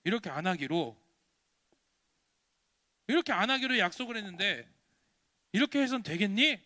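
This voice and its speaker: A man's voice: high-pitched, lively intonation, normal speed, bright, forceful tone, no echo, studio quality. Man doing a stern scolding grown-up. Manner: firm, admonishing.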